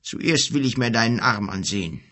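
A man's voice: on the low side, animated, fairly bright tone. A man voicing a weary old pond king. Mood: compassionate. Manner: grave, bitter, measured speech. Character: old bent sorrowful king of a pond people.

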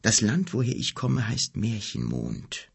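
A man reading an audiobook, voicing a grave, gentle bearded wizard in a solemn, hushed, unhurried way. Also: on the low side, very animated, vocal fry, breathy edge, full character voice. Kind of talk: audiobook character voice.

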